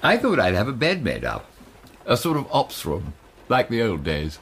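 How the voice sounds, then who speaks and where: An actor playing a haughty, middle-aged British spy chief in a drama, pompous and offhand in manner. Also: male voice, fairly low pitch, huge pitch swings, normal speed, a bit bright, a little hiss or hum, full character voice. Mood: scheming, musing. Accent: British English. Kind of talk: naturalistic spy drama dialogue.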